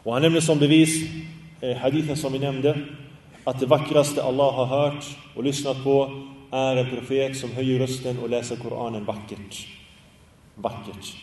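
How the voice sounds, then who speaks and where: A man's voice: mid-range voice, fairly even intonation, a little mellow, reverberant, long reverb tail, recorded from a distance. A man teaching a religious study class, asking his students questions and chanting Arabic quotations in a sung tone. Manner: asks the class questions and answers them; recites Arabic phrases in a sung tone. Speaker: Islamic teacher.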